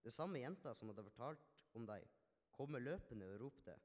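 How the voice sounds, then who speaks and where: The humble, grateful Samaritan leper, played by a man, speaks in an earnest, reflective dramatic monologue. His voice sits at an ordinary pitch for a man. A long reverb from a large hall trails after every phrase. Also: animated, close to an everyday voice. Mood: somber. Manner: earnest, reflective storytelling with small restarts. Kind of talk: dramatic first-person monologue.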